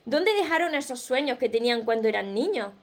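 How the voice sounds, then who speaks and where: High-voiced encouraging woman, Spanish accent. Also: expressive, brisk. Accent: Peninsular Spanish. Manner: earnest, encouraging, reads viewer comments aloud; clears throat often. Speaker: livestream host, self-help speaker. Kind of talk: live Q&A, motivational talk.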